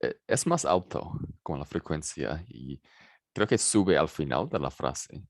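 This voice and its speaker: Deep-voiced New Zealand host. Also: male voice, very animated, a little slow, no room sound, studio quality. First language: English. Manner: curious, asks questions. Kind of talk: casual interview.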